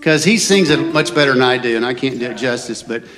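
A man's voice: mid-range voice, fast. A man, leading worship in an easy, casual way. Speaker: worship leader. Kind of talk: casual chat and worship singing. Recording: roomy live sound with guitar. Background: acoustic guitar music.

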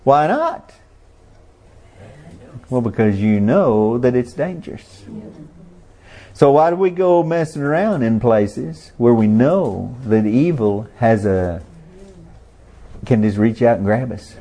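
A man's voice: medium pitch, lively intonation, takes it slowly, pauses often, warm tone. A man preaching a sermon in a folksy way, asking the congregation questions and chuckling.

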